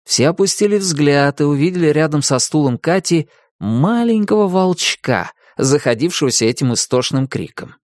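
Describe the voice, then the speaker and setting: A man narrating a children's storybook in an even, expressive reading. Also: on the high side, normal speed, few pauses, no echo, clean studio sound. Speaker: audiobook narrator.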